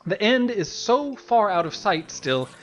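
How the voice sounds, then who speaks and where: A man's voice: sits high, sing-song, unhurried. A man co-hosting a Let's Play, chatting casually in a rambling, self-mocking way and laughing often. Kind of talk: casual gameplay chat.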